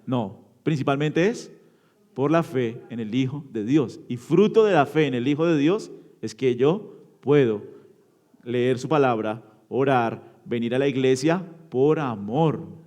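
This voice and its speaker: Animated yet unhurried, a pastor leads an interactive church sermon where he asks the congregation questions and responds to them. Loud, emphatic bursts give way to low, hushed endings.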